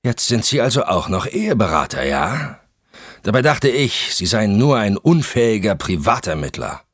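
Guy reading as an angry jealous husband, yelling and sneering, husky audiobook voice. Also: on the low side, very animated, moderate pace, no echo, clean studio sound, pitched above the performer's own voice. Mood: mocking. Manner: scornful, shouting. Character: sneering furious middle-aged husband.

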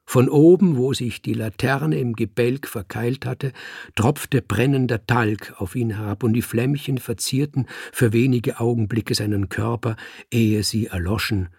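A man narrating a first-person story in a measured, vivid reading style. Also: mid-range voice, creaky, a little mellow, husky, no room sound, studio quality.

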